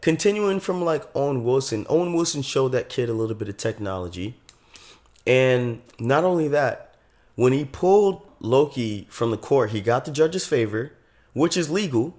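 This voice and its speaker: A man's voice: mid-range voice, lively intonation, normal speed, darkish tone. Chatty enthusiastic male reviewer. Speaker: show reviewer. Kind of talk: casual spoiler review.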